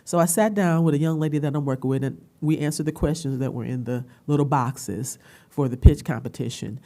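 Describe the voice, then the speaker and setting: A middle-aged woman shares a personal story at a community dialogue. Her voice sits low and mellow, and she talks with open emotion, quick laughter and heartfelt emphasis. She sounds tearful now and then but keeps going. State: tearful at times. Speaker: panel speaker and business owner.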